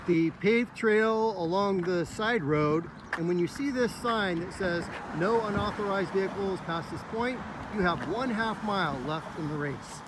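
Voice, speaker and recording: Guy with a high voice walking a race course outside, giving tips, bit of outdoor noise. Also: measured pace, hardly any pauses. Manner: instructive, upbeat. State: slightly out of breath. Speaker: cross country coach. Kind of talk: walking course tour commentary. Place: outdoor park trail.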